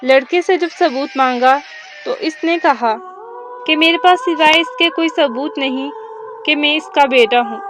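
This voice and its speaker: High-voiced woman narrating a reverent tale. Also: over music. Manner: formal, reverent storytelling. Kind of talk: scripted narration of a religious story.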